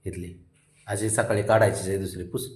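A man's voice: low-pitched, steady tone, normal speed, roomy sound. A man at home talking to his pet in a doting, coaxing baby-talk manner in a casual home video. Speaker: pet owner.

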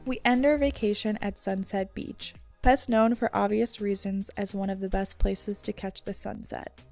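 Reading from a travel guide script, this female narrator keeps a steady tone and a moderate pace. Her voice is warm, low in brightness, and edged with gravelly fry, over faint background music.

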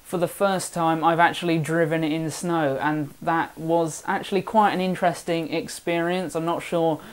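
A man's voice: a little high, level tone, moderate pace, clean tone. A seventeen-year-old young man from the south of England with a southern English accent, chatting casually and self-deprecatingly in a vlog voice-over. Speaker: woodworking vlogger. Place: home workshop.

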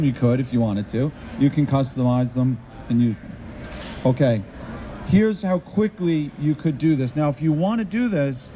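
Holding a handheld mic on a trade show floor, a middle-aged man presents a live tech talk in a fairly high voice with a dark tone. He keeps things upbeat and addresses the audience with questions. Faint noise from the show floor can be heard.

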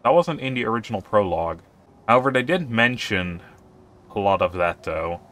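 Lowish voiced guy chatting through a survival game, wry and offhand, faint noise. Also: lively intonation, moderate pace, a bit bright. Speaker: gaming youtuber. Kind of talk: casual game commentary.

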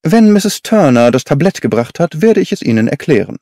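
A man reading an audiobook, voicing Sherlock Holmes as a brisk, eager detective who asks pointed questions. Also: a little high, sing-song, dark tone, no room sound, studio quality.

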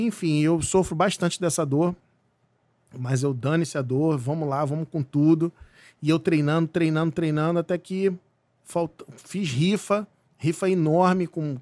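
A man from Brazil, telling a personal story as a podcast guest, animated and full of restarts. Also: on the high side, no room sound. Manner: animated, many restarts and repeated words. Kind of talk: casual storytelling.

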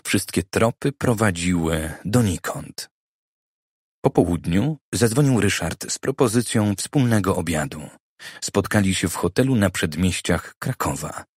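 Deep husky male audiobook narrator. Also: animated, unhurried, no room sound, clean studio sound. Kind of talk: scripted narration. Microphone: studio microphone.

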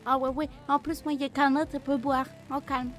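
Woman voicing a bubbly foreign medic, high voice, broken speech, game role-play. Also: little pitch movement, a little fast, close to an everyday voice. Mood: babbling. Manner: broken pidgin speech, repeats herself. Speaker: streamer role-playing a medic.

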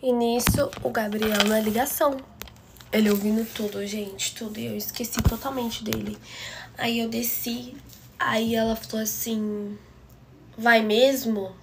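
A woman's voice: a little high, steady tone, measured pace, creaky, background noise. A young woman tells a personal family story with intensity and drama, often speaking directly to her listeners.

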